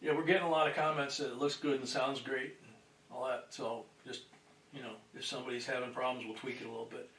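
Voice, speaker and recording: A man hosting a casual livestream and greeting viewers, sounding distant from the boom microphone. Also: steady tone, fast talker, a bit bright, a little hiss or hum. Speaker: livestream host. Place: indoors at a table. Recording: roomy echo, distant microphone.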